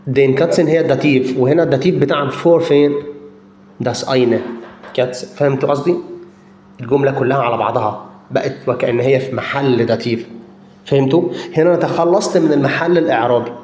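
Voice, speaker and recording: An Egyptian-accented man giving a grammar lesson in a middle-pitched voice, recorded with a roomy echo. He works through each point slowly, repeats words as he searches for the next one, and keeps asking his listeners whether they follow. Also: darkish tone. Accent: Egyptian Arabic. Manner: explains step by step, checks in with listeners often; drawn-out hesitations and repeated words while thinking. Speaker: German language teacher. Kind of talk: explanatory lesson.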